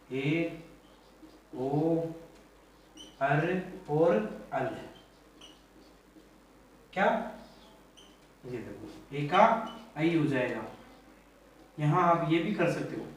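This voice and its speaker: Slow teacher in an echoey room. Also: male voice, on the high side, slight background noise. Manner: repeats and quizzes the class with questions. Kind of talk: classroom grammar lesson. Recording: echoey room, mic far off.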